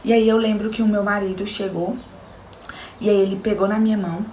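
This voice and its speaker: A woman's voice: medium pitch, fairly even intonation, a little fast, mellow, reverberant, a little hiss or hum. A young Brazilian woman with a Brazilian Portuguese accent, telling her personal story to her viewers in an earnest, emotional way. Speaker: new mother giving a testimony. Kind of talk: personal testimony.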